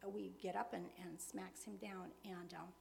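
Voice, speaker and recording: A woman, a pastor's wife, speaking earnestly and conversationally to her congregation in an informal sermon mixed with personal testimony, often pausing on fillers and soft laughs. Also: lowish voice, fairly even intonation, gravelly, slight background noise.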